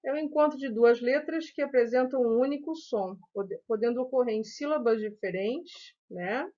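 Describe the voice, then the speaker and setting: A woman schoolteacher with a Brazilian Portuguese accent walks children through a recorded review lesson, slowly and patiently. Her voice sits a little high, and she keeps checking in with short questions. The recording sounds dull and lo-fi. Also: mellow. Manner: slow, patient explanation with frequent "né?" and "ok?" checks. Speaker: teacher.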